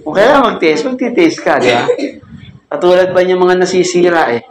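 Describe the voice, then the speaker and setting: Male pastor, slightly high voice, chatty teaching with frequent laughs, echoey room recording. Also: sing-song, fairly quick. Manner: conversational, joking, laughs often, asks the group questions. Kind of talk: cell group Bible lesson. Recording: echoey room with faint ambient noise.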